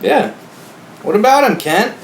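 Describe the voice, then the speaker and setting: A man's voice: sits high, sing-song, a little slow, creaky, echoey room, slight background noise. A man co-hosting a podcast, turning mock-defensive and earnestly lecturing in comedic banter. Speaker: podcast co-host.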